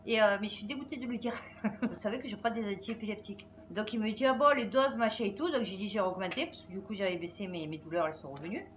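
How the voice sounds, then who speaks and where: Middle-aged woman host, fast and excitable casual chat, many fillers, mid pitch, faint noise. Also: lo-fi sound. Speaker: channel host.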